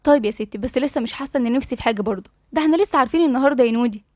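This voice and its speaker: A woman's voice: high voice, rapid-fire, darkish tone, no echo, studio quality, close to an everyday voice. A woman with an Egyptian accent voicing a tired, confused young pregnant woman in an audiobook. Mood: subdued. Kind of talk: audiobook dialogue reading.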